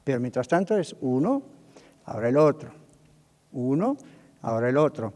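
A man's voice: medium pitch, very animated, moderate pace, darkish tone. A man preaching as a pastor on marriage communication, often checking in with his listeners and acting out quoted speech. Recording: long hall reverb.

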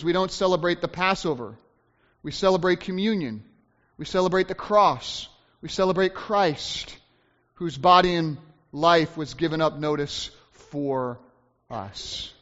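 A man's voice: sits high, moderate pace, a bit bright. A man preaching a sermon as pastor, emphatic and repeating his key phrases for weight. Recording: dull recording with long hall reverb.

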